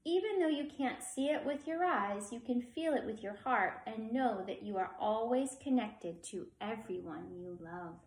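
A woman's voice: a little high, expressive, a little slow, few pauses. A woman voicing a patient, reassuring mother of young children in a storybook, soothing and assured. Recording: echoey room.

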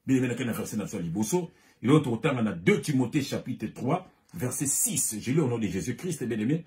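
A man's voice: mid-range voice, big pitch swings, brisk, a little mellow. Fiery preacher man. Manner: fiery, switches between French and Lingala, repeats phrases with rising emphasis. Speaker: pastor. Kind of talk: preaching sermon.

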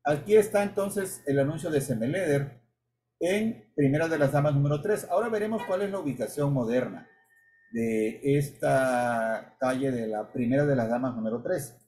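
A man giving a narrated slideshow lecture, measured and explanatory, with pauses and restarts. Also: medium pitch, darkish tone. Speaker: history author and lecturer. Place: indoor room, webcam inset.

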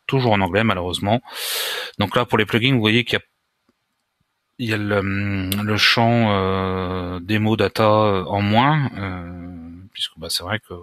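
A man walks through a computer tutorial, halting and casual, often pausing to find his words. His voice is low-pitched yet bright and forward. The sound is close and dry, recorded at a desk mic with no room echo. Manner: hesitant, many fillers and restarts, casual explanations. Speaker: WordPress tutorial maker. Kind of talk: screen-recorded software tutorial.

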